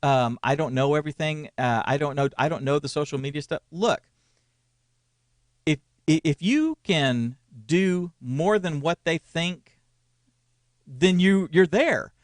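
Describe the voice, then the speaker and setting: A little slow but lively in intonation, this man's fairly high voice comes through without echo. In his forties, he works as a church media consultant and co-hosts a laid-back ministry chat, rambling, restarting sentences, and chuckling softly.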